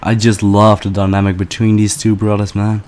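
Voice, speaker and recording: A man casually commentating a video game playthrough, chatty and excitable, swearing often. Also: on the low side, moderate pace. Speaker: gameplay commentator. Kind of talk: casual let's-play commentary.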